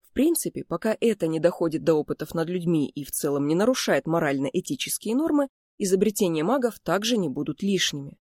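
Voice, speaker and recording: A woman reading a first-person fantasy story aloud in a calm, even manner. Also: lowish voice, dry recording, studio quality. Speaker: audiobook reader.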